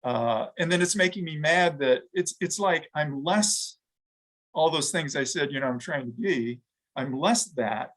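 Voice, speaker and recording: A middle-aged man, a guest in an interview, talking reflectively with frequent pauses, fillers and restarts. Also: on the high side, expressive, fairly bright tone, low-quality recording. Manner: halting, thoughtful, many restarts and fillers. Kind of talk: reflective conversation.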